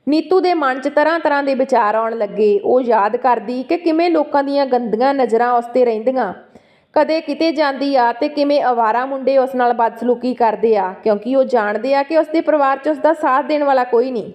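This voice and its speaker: A woman's voice: high-pitched, fairly quick, darkish tone, dull audio. A woman with a Punjabi accent reading a story aloud as narrator, voicing the dialogue along with the narration.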